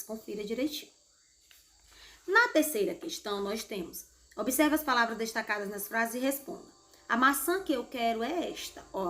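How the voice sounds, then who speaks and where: A woman's voice: a little high, a bit bright. A Brazilian woman teaching a class, her voice sitting a little above the usual for a woman. She works through exercises step by step in a patient, explanatory way and keeps checking whether the children follow. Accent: Brazilian Portuguese. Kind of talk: recorded class lesson correcting exercises.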